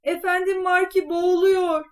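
A woman's voice: a little high, normal speed, natural voice. A woman voicing a clever, scheming talking cat in boots in a storybook reading, bold and courtly in manner. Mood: frantic.

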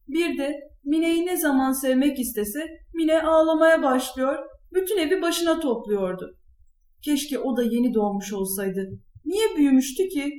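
A woman reading a children's story aloud in a clear, expressive way. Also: high-pitched. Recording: echoey room.

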